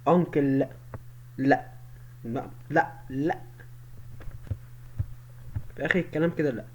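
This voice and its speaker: A man's voice: on the high side, darkish tone. A man with an Egyptian Arabic accent teaching English pronunciation, drilling each word and sound over and over. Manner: drills words slowly, repeating each sound many times. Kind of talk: pronunciation lesson. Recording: slightly dull with faint background noise.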